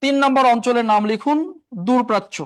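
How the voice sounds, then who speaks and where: A man's voice: very high voice, fairly even intonation, fast talker. A male exam-prep teacher, lecturing and drilling the class by asking questions and answering them himself.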